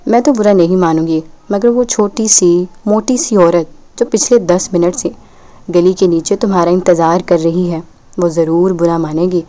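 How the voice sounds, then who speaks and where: A woman's voice: on the low side, fairly even intonation, mellow, slight background noise, lightly acted. A woman reading the lines of a playful, nosy older landlady with a sly, teasing manner in an audiobook.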